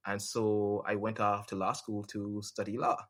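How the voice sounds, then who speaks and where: A man from Jamaica, a lawyer and podcast guest, talking in a relaxed way with plenty of fillers. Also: fairly low pitch, moderate pace. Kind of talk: casual interview talk.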